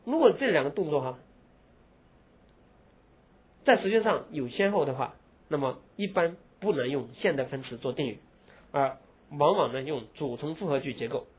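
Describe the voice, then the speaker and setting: Husky man giving a grammar lesson. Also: fairly high pitch, expressive. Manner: explains in Mandarin, drawls English example phrases slowly with heavy stress; rhetorical questions answered himself. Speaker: English grammar teacher. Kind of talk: classroom grammar lecture. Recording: tinny phone-like lo-fi recording.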